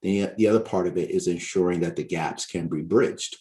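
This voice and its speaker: A man with a very low, deep voice lays out his points in a measured, explanatory way, often tagging "right?" onto his sentences. He is from Barbados and speaks as a guest author on a podcast interview. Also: mellow.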